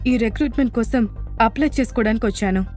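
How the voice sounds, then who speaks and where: A woman voicing a determined young mother in an audio drama, speaking in a hurried, pleading way. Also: fairly high pitch, a little mellow, soft background music, close to an everyday voice.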